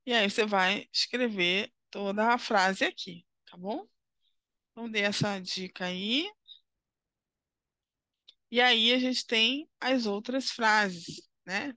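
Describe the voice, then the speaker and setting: A woman teacher with a Brazilian Portuguese accent guides a young primary school class through a worksheet slowly and patiently. Her bright, fairly high voice is kind and encouraging, and she checks in after almost every step. The recording is close and dry.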